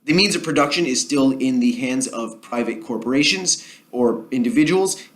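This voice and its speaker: A man with a New Jersey accent talks straight to his audience in a casual solo commentary. He argues his case in a rambling, conversational way, circling back with ums and restarts. His voice sits at an ordinary middle pitch. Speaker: political commentary vlogger.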